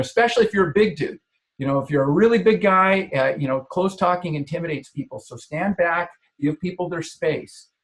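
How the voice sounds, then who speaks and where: A male business coach gives a lesson, his voice sitting a little high for a man. He talks with emphasis, restarting words and checking in with his listeners. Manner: emphatic, repeats key phrases; frequent verbal restarts and filler checks like "okay". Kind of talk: coaching lecture on body language.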